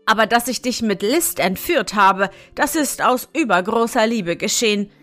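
Frau als stolzer junger König, nachdrücklich. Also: female voice, on the high side, lively intonation, moderate pace, fairly bright tone, faint music behind. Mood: earnest. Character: proud young king, earnest and lovestruck.

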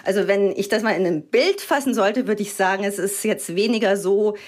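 A woman's voice: mid-range voice, a little fast, darkish tone. A woman answering as a journalist guest on a news podcast, thoughtful and fond of imagery. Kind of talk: interview answer.

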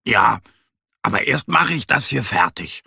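A man voicing a quick-tempered little boy bear cub in a children's story, sulky and childish. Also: on the low side, animated, vocal fry, bright, forceful tone, breathy edge, no echo, studio quality, full character voice. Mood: calm.

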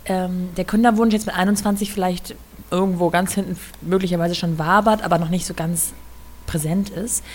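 A woman's voice: lowish voice, fairly even intonation, fairly quick, a little mellow, a little hiss or hum. Woman host asking friendly questions. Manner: friendly, probing questions with fillers. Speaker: podcast host. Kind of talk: conversational podcast interview.

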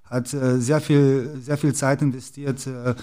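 A mellow, mid-range male voice with little pitch movement, delivered unhurriedly. It belongs to a middle-aged man from the former Yugoslavia, a basketball club executive appearing as a guest in a casual interview, who often uses fillers and restarts.

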